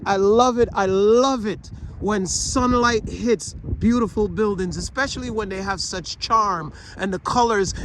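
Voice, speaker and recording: A man who is not a native English speaker, gushing and rambling excitedly as a travel vlogger walking around an old hilltop fort outdoors on a handheld camera. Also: sits high, noisy background. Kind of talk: casual vlog walkthrough.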